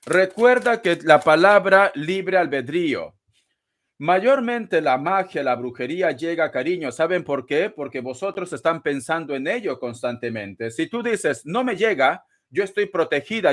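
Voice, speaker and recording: High-voiced campy man hosting a live stream. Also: fairly bright tone. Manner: playful and campy, calls viewers darling; gossipy and teasing, laughs often. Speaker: tarot live-stream host. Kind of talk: casual live-stream chat reading donations.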